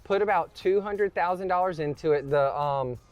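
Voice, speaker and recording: A man's voice: high-pitched, normal speed, no echo, muffled recording, soft background music. A man hosting a house walkthrough, explaining prices and renovation costs in a joking, talkative way. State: out of breath after climbing. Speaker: real estate host. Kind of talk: walkthrough commentary.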